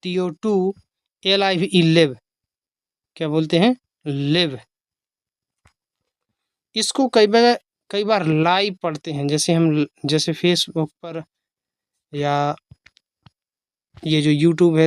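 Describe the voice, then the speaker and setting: Teacher spelling english words out super slow, clean clear voice, dry close mic. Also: mid-range voice, steady tone, no echo. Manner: spells letters aloud one by one, patient and explanatory. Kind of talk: slow phonics reading lesson, spelling words out.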